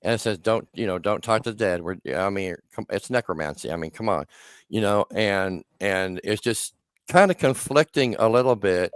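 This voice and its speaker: Man, sixties, podcast host, casual rambling chat, self-interrupting, lowish voice, dry close sound. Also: normal speed, clear, resonant tone, no echo. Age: 60s.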